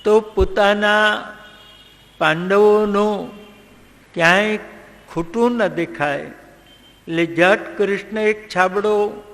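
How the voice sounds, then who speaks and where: A man telling a devotional story in a slow, measured way, breaking into song now and then. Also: sits high, a bit bright. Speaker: religious storyteller. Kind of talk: devotional storytelling with sung passages. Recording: long hall reverb.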